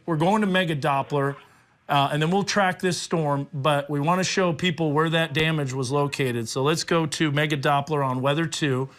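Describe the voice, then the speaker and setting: Higher-pitched male TV meteorologist, live coverage. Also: fairly bright tone. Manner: explanatory, giving instructions to crew as he goes. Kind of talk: live unscripted severe weather coverage. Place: TV studio.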